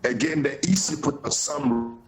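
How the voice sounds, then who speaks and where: A man speaking as a political guest over an unclear, clipped call-in line, in a measured, formal way. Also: mid-range voice, roomy sound, soft background music. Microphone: remote call-in connection.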